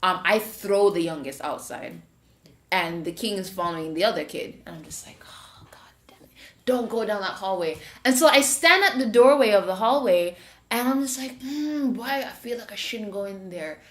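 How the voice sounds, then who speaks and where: A woman's voice: medium pitch, moderate pace. A woman with a Jamaican accent hosting a podcast, telling a story in casual chat and acting out the voices. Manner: animated, acts out voices when retelling. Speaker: podcast host. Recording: roomy echo.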